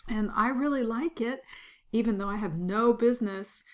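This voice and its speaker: Co-hosting a laid-back podcast, a woman speaks at an ordinary pace in a voice on the high side with a bit of scratchiness. She goes through the details in a relaxed way, letting out the occasional chuckle.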